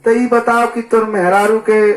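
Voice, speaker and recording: An actor playing a pompous village exorcist baba in a Bhojpuri folk comedy, speaking slowly and deliberately. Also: male voice, sits high, little pitch movement. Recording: echoey stage recording with loud music.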